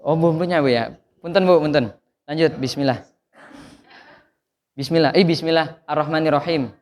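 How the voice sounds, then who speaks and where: A man teaching Quran recitation in a mosque, correcting students with jokes and demonstrating each verse slowly. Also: fairly high pitch, a little mellow. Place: mosque hall. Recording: long hall reverb.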